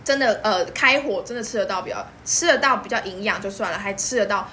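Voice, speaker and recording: A young woman with a Taiwanese Mandarin accent, a podcast guest telling lively stories and laughing often. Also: mid-range voice, quick pace, slight background noise. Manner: lively storytelling, laughs often, acts out quotes. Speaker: guest, pork stall worker. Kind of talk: casual podcast chat.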